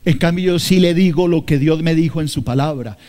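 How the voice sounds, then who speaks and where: A man's voice: a little high, a little fast, darkish tone. A man from Colombia with a Bogotá accent, preaching a sermon emphatically to his congregation, repeating phrases and addressing them directly. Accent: Colombian Spanish, Bogotá. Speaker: pastor.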